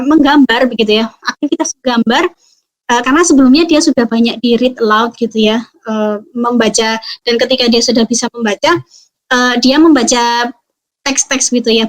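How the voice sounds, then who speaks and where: High-voiced woman giving a parenting talk. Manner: explanatory, many fillers and tag questions. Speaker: parenting speaker. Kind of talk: webinar talk.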